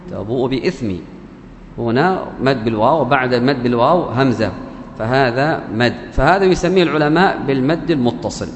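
A man gives a religious lesson on recitation, patiently drawing out and repeating each example. His voice sits a bit high. The long reverb and faint background hum of a large hall surround him. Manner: explains patiently, repeats key terms and examples slowly. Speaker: Quran recitation teacher. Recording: echoey hall with faint ambience.

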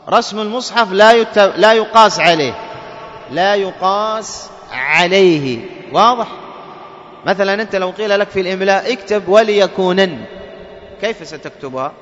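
A man teaching Quran recitation rules. He keeps checking "clear?" with his students and chants example words slowly. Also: high voice, a bit bright. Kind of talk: tajweed lesson. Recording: dull recording with long hall reverb and faint ambience.

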